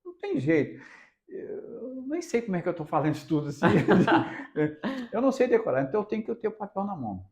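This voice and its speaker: High-pitched and very animated, this man talks fairly quickly in a darkish tone. He's a radio reporter from Minas Gerais sharing stories in a relaxed interview, using emphatic repetition and the Minas Gerais accent of Brazilian Portuguese.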